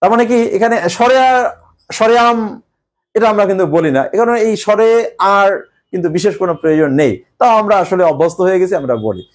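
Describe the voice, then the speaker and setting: A male teacher explaining a grammar lesson step by step, pausing often with hesitations. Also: high voice.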